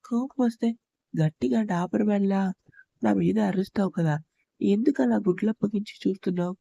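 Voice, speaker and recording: A woman's voice: mid-range voice, brisk, creaky, mellow, no echo, dull audio. A woman narrator voicing a hurt, angry young wife who pleads and scolds in a storybook. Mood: pleading.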